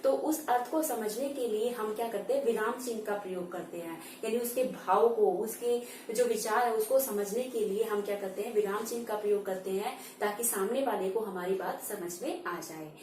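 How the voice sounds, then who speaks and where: A woman's voice: medium pitch, a little mellow, slight background noise. A woman teaching a Hindi grammar lesson, explaining patiently, repeating each point and calling her students "beta". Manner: says example words slowly, one at a time. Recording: echoey room, voice from far off.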